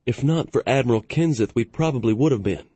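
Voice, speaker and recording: A man reading an audiobook, voicing a tearful female officer in a softly urgent way. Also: medium pitch, expressive, quick pace, slightly rough, dry recording. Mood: sad. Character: tearful young woman officer. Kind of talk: audiobook narration.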